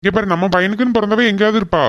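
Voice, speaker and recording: A woman's voice: medium pitch, racing, dull audio, natural voice. A woman voicing a fair-minded middle-aged father in a cartoon who reasons with his wife. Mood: reasoning. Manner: reasoning, gently firm.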